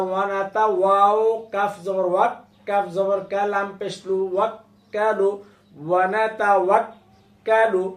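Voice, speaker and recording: A man with a Bangladeshi accent gives a Quran recitation lesson in a slow, deliberate drill, sounding out each letter and syllable again and again. His voice sits high and carries a roomy echo. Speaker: Quran teacher. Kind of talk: recorded recitation lesson, spelling out Arabic letter by letter.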